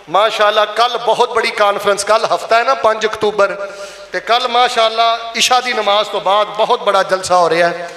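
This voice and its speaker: Punjabi man, high bright preaching voice, Friday sermon, reverberant mosque hall. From Pakistan. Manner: impassioned, calls on the crowd to answer aloud.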